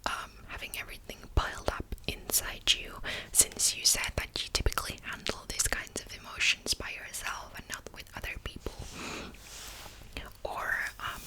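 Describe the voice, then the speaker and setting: A woman's voice: close to an everyday voice, poor audio. Woman playing a whispering therapist, actively listening. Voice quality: breathy unvoiced whisper. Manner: active listening, gentle probing questions with pauses. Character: attentive, patient female psychologist in a therapy session. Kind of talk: whispered role-play.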